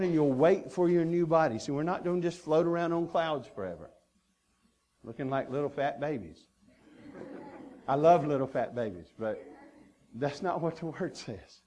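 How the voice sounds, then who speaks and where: A man's voice: a little high, mellow. A man preaching a sermon as pastor, earnest and emphatic, stacking repeated phrases.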